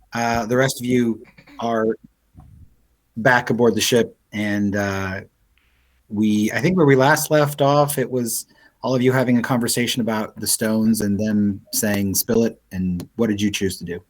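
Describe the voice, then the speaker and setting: A man acting as game master, improvising tabletop narration in a halting way with pauses to think. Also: mid-range voice, fairly even intonation.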